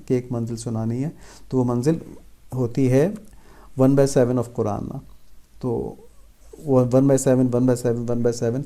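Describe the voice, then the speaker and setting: Man with a super dark mellow voice doing a patient religious lesson, repeats stuff to drive it home. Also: medium pitch, creaky. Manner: patient, explanatory, repeats key phrases for emphasis. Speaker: religious teacher. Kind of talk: religious instruction talk.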